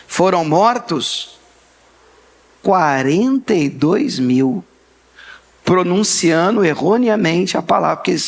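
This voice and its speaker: A man's voice: high-pitched, creaky. A man with a Brazilian Portuguese accent, preaching a sermon in church, emphatic and repeating key words while asking the congregation for responses. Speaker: pastor. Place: church sanctuary.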